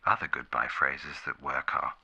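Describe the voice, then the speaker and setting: A man playing a formal, condescending 1950s public-service ad announcer in an ASMR role-play, a soft gravelly voice and deadpan, measured delivery. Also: muffled recording, heavily acted. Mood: deadpan instructive. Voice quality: breathy, soft, gravelly low voice.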